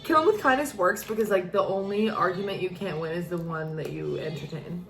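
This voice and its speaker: A woman's voice: on the low side, a little fast, creaky, fairly bright tone. A woman in her twenties, drunk and giggly, chatting casually and effusively with a friend, rambling and swearing freely. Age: 20s. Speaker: vlogger doing a drinking makeup challenge. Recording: echoey room, music behind.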